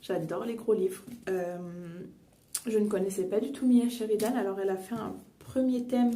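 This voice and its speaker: A woman's voice: medium pitch, fairly even intonation, normal speed, mellow. A young woman vlogger chatting casually while doing her makeup, rambling with many fillers and self-corrections. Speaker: beauty and books vlogger. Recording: echoey room, a bit far from mic, faint noise.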